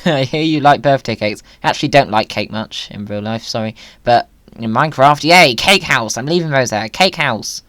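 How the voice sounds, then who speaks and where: Recorded close and dry with a clean tone, a gaming video host chats in a medium-pitched voice. He sounds playful, whimsical and excitable, as if happily showing viewers around a game.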